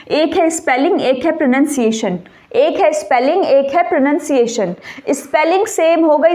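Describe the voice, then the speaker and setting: High-voiced woman teaching a lesson. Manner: repeats key points as quiz questions to the viewer; mixes English terms into Hindi explanations. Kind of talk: exam-prep grammar lesson.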